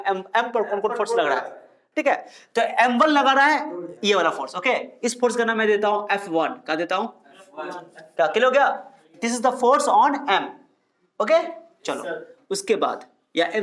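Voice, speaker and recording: A man's voice: sits high, fairly bright tone. A man teaching physics to a live class, explaining and quizzing students, mixing Hindi with English terms and scolding them to stop talking. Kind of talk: classroom lecture.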